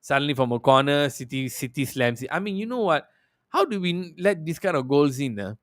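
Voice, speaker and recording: Guy chatting about a football match, kinda high voice, dry close sound, animated fan talk. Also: fairly quick, no room sound. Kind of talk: casual match reaction talk.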